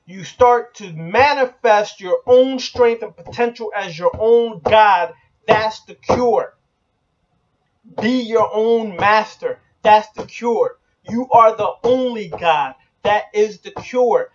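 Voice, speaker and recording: A man's voice: sits high, slow pace. A man hosting an occult channel, delivering a blunt, emphatic preaching monologue that repeats slogans and is occasionally profane. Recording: dull lo-fi recording.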